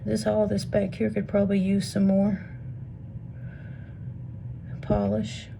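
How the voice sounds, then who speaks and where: Losing her voice, a Missouri woman sorts stones for her rock tumbling vlog, musing casually half to herself and often falling to a whisper. Her voice is medium-pitched, gravelly and warm, with little pitch movement and a slow pace, over noisy room ambience.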